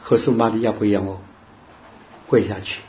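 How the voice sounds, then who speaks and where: A man leading an informal Bible study, quizzing his listeners and quoting verses in a slow, drawn-out way. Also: fairly low pitch, steady tone. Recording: dull lo-fi with faint hiss.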